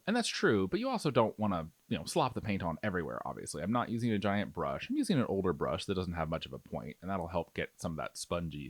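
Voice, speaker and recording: A man hosting a miniature painting tutorial talks through each step in a casual, conversational way, his fairly low voice rising and falling very freely as he explains and reassures. The recording is dry with very little room sound and no echo.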